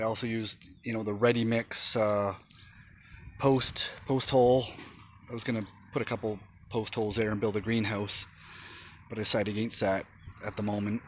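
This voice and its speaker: A man's voice: on the low side, bright, forceful tone, a little hiss or hum. A man casually showing off his homemade backyard gym equipment, talking in a rambling way with many fillers and an occasional curse, filmed on a handheld phone outdoors. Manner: rambling, swears when straining, many fillers. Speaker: vlogger. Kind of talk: casual show-and-tell. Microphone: handheld phone camera.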